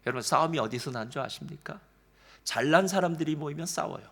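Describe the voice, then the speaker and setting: 주일 예배에서 설교하는 남성 담임목사로, 인용 대사를 연기하듯 이야기하며 회중에게 직접 말을 건넨다. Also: male voice, a little high, husky. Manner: animated storytelling, acts out quoted dialogue; addresses congregation directly, frequent "예" fillers. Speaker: senior pastor. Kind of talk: sermon.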